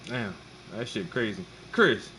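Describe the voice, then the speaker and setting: A man's voice: lowish voice, lively intonation, unhurried. Male caller, casual chat, choppy breaking-up phone line, asks if he's heard, faint noise behind. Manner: calls out to check he can be heard. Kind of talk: casual chat over a call. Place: upstairs in a studio.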